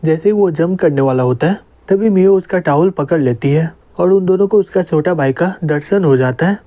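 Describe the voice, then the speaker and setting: A man's voice: on the high side, moderate pace, warm tone. A man narrating a manga story, reading every character's lines in his own voice.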